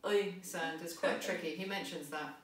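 A woman's voice: lowish voice, steady tone, moderate pace. Woman music tutor, upbeat and encouraging, heard from a distance in a very echoey room. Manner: cheerful, encouraging, explains step by step. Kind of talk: friendly instructional talk. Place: unfamiliar large venue.

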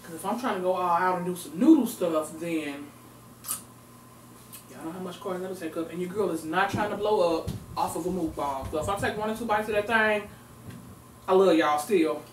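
A young mukbang vlogger with a voice on the low side chats expressively at normal speed while eating on camera in her home recording room, mixing casual talk with murmured eating sounds. There is background noise, and the camera mic at a distance makes the room sound echoey and far off.

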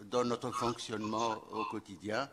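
An older Tunisian man who teaches French speaks on a round-table panel into a handheld mic, measured and reflective, with hesitant fillers. His pitch is fairly low and his tone steady. The setting is a large festival hall with a stage curtain, and the recording is reverberant with a noisy background.

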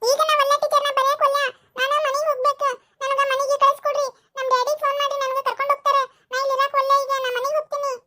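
A stubborn little cartoon schoolgirl, voiced by a woman, whines and pleads in a North Karnataka Kannada accent. Her voice is very high and bright, and she rattles along at a brisk pace. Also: level tone. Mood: pleading. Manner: whiny, pleading, sing-song listing. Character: stubborn little schoolgirl who hates class. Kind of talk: cartoon voice acting.

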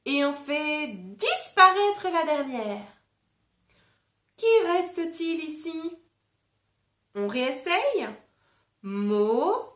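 A woman's voice: sits high, very animated, drawn-out words, pauses often, pushed and bright, roomy sound. A woman reading a picture book aloud to a child, patiently stopping to ask questions and play word games. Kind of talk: interactive read-aloud.

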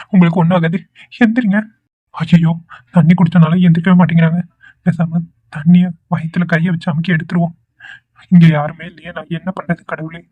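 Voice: mid-range voice, husky, phone-quality sound, lightly acted. A performer voicing a kind, worried young man in a cartoon, talking anxiously and pleading. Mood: panicked, pleading. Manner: anxious, pleading, talks quickly. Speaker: cartoon character. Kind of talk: Tweencraft cartoon voice acting.

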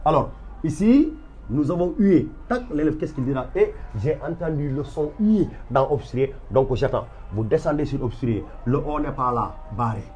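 A man's voice: a little high, lively intonation, normal speed, a little mellow, slight background noise. A man with a Senegalese French accent teaching a literature lecture, walking students through examples step by step and stressing each point over and over. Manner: emphatic and repetitive, stepping through examples.

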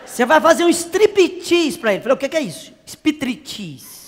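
A man's voice: very high-pitched, sing-song, moderate pace, in a large hall, some chatter behind, heavily acted. A man playing a brash, naive country woman from the interior, telling a comic story in character. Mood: gossipy. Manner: chatty, exaggerated, squealing cries. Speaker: comedian.

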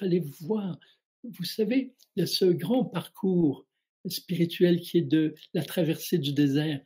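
A middle-aged man speaks as a spiritual guide on a live show, answering questions from his audience. His voice is mellow and a little husky. He talks calmly and reflectively, addressing each listener directly. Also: a little high.

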